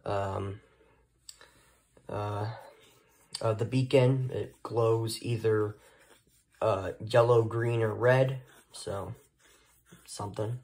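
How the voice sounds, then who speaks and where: A lowish, slightly mellow man's voice with fairly even intonation narrates a casual look at his weather radio collection. The hobbyist vlogger improvises, hesitating often and rambling between pauses.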